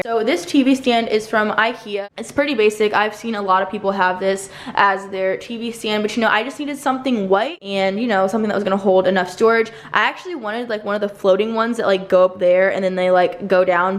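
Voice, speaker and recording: Chatty young woman with a slight lisp. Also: medium pitch. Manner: chatty, upbeat, filler-heavy with "like" and "you know". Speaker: vlogger. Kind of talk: casual apartment tour.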